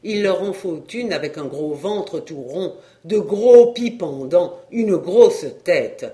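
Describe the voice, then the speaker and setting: A reader giving a literary story in expressive, varied audiobook narration. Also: mid-range voice, slow pace.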